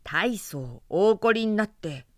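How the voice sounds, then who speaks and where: A woman narrator voicing a young male storm god who pleads his case quickly and politely, in a dry, close storybook reading. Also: mid-range voice, animated, a little mellow, no echo. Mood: earnest pleading. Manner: polite, rapid pleading speech.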